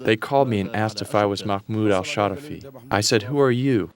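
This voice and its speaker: A man's voice: fairly low pitch, steady tone, quick pace. A man voicing a translated interview, recounting events plainly.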